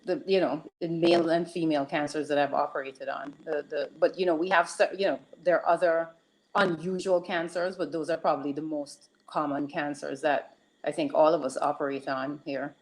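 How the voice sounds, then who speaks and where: A woman's voice: sits low, steady tone, normal speed, darkish tone. A woman surgeon calling in over a crackly, static-filled phone line, answering hesitantly with many ums and restarts. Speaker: guest general surgeon. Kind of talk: call-in interview answers.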